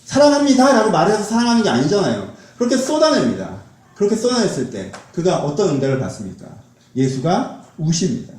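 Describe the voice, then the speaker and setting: Animated man preaching in an echoey hall. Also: high voice, fast talker. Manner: conversational, asks the congregation questions. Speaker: pastor. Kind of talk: sermon.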